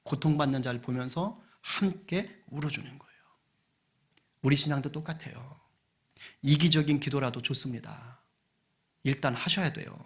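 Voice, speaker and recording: A man, the senior pastor, preaching a sermon with animation, acting out people's prayers and dropping to hushed asides. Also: mid-range voice, normal speed, pauses often.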